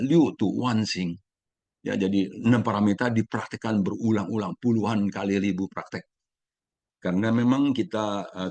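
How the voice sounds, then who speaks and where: A man giving a Buddhist Dharma talk, reading a passage and then explaining it in a measured way with many hesitant fillers. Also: on the low side, a little mellow, dry recording. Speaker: Buddhist Dharma sharing speaker.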